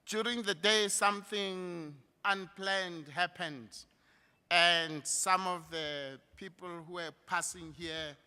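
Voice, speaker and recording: A man with a South African accent giving a graduation address in a large hall. He speaks slowly and emphatically, rising like a preacher on key points. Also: fairly high pitch, sharp tone, clear, resonant tone. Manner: slow, emphatic speechmaking with a preacher-like rise. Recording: reverberant hall through a PA.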